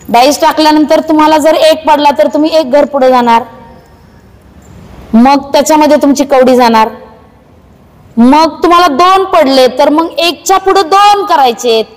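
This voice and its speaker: A woman teaching young children a math game in a classroom, in a brisk way that coaxes them along. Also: sits high. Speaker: primary school teacher. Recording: echoey classroom reverb.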